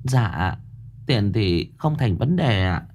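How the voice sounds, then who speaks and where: A woman's voice: extremely low pitch, expressive, slow, darkish tone, a little hiss or hum, exaggerated voice. Man doing a fawning, anxious rich mother. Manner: pleading, deferential.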